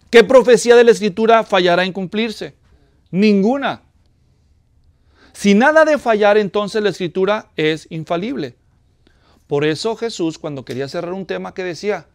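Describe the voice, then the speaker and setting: A pastor preaching a sermon, putting questions to the congregation. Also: male voice, sits high, vocal fry, no room sound. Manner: conversational teaching with questions to the congregation.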